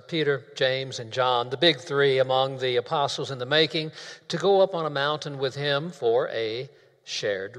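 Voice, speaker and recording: A man's voice: medium pitch, a bit bright. Preaching man in a reverberant church. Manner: measured, repeats phrases for emphasis, leads call-and-response. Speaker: pastor. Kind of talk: sermon. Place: church sanctuary. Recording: long reverb of a church hall.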